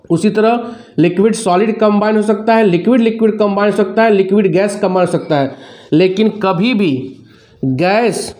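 Middle-aged male chemistry teacher, high-pitched, asks and answers his own questions. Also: a little mellow. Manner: repeats questions and answers them himself; mixes English terms into Hindi. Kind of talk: classroom lecture.

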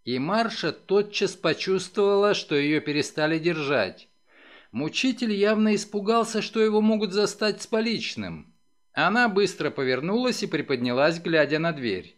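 A man narrating a novel as an audiobook, in a dramatic, expressive reading. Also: high voice, moderate pace. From Ukraine. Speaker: audiobook reader.

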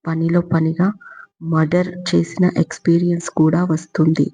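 A woman's voice: sits low, completely flat delivery, moderate pace, dark tone, slightly rough, poor audio. A woman doing a cheeky young wife. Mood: sassy. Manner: sassy, mixes English words.

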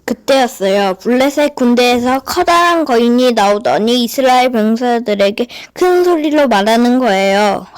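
Woman narrator, children's Bible story: higher-pitched voice, scripted storytelling delivery. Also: expressive, moderate pace, hardly any pauses, clean tone.

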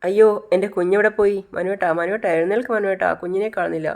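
Frantic young mother, voiced by a man, raised pleading cries, higher than his own voice, storybook recap. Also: steady tone, very fast, darkish tone. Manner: pleading, raised urgent calls. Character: frantic young mother searching for her missing baby.

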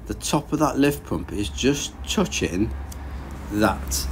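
A man's voice: medium pitch, slow pace, a little hiss or hum. A man in his thirties casually narrating his engine rebuild as he works in a garage, thinking aloud. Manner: relaxed, plain-spoken, thinking aloud while working. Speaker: boat engine rebuild vlogger.

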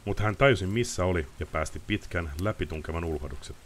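On a live stream, a man reads from a novel in an audiobook style, delivering it with energy and dropping in casual, chatty comments. His voice sits low, with a little hiss or hum in the audio.

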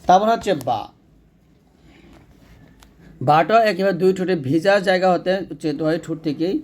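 At a normal speed and in a high, slightly mellow voice, a man walks students through pronouncing Quran letters one step at a time. He demonstrates each sound, checks in with them, and catches his own slips mid-sentence.

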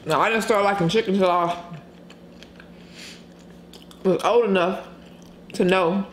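A woman vlogger chatting candidly while eating on camera, pausing to chew and hum over her food. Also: mid-range voice, steady tone. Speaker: mukbang vlogger. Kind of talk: casual mukbang chat while eating. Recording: echoey room, faint background noise.

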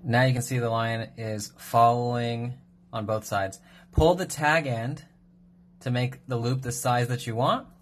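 A man in his thirties giving a brisk, upbeat step-by-step tutorial on fishing knots, recorded on a phone at a kitchen sink. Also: mid-range voice, fairly even intonation, slight background noise. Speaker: fishing knot instructor.

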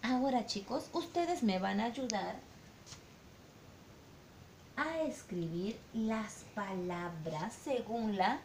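A woman's voice: animated, takes it slowly, long pauses. A woman teaching a virtual phonics lesson to young children, drawing out syllables in a sing-song way and often checking with her class. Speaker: kindergarten teacher. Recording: echoey room, faint rumble.

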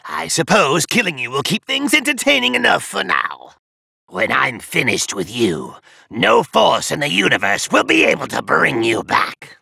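This male full character voice plays an arrogant, sadistic alien parasite conqueror, a gloating villain in an anime game. Raspy and gravelly, his pitch swoops wildly as he delivers grandiose, menacing taunts at normal speed, often shouting. The theatrical battle lines are recorded with no room sound.

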